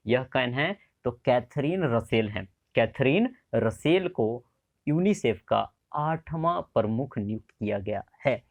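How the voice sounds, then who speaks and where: A young man teaching a current affairs exam lesson, asking a question and answering it himself, repeating key facts as memory tricks. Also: medium pitch.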